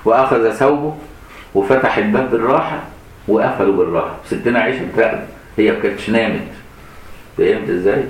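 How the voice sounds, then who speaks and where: A man's voice: lowish voice, fast. A middle-aged man with an Egyptian Arabic accent gives a colloquial hadith commentary lesson, explaining with rhetorical questions and laughing now and then. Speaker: religious teacher. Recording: echoey room.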